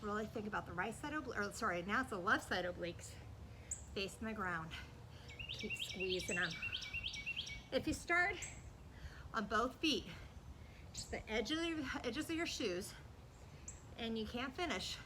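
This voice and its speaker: A woman's voice: a little high, expressive, measured pace, pauses often. A woman coaching a workout as an aerobics instructor, encouraging and counting down while she exercises along. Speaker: fitness instructor. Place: outdoors in a backyard garden. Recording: noisy outdoor recording with ambient sound.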